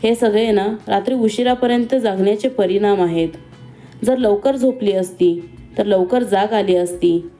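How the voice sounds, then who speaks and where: A woman voicing a young female college student who talks in a quick, teasing and pointed way. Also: medium pitch, mellow, soft background music, close to an everyday voice. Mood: spirited.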